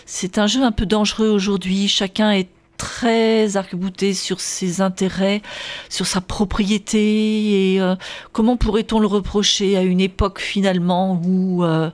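A woman's voice: medium pitch, little pitch movement, a little slow, darkish tone. A woman speaking as a guest expert in a radio interview, explaining carefully and hesitating often with filler sounds.

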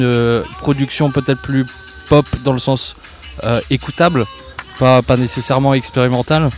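A young man from southern France, a guest musician, answering live radio questions at an outdoor festival, hesitant with many fillers and easy laughs. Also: medium pitch.

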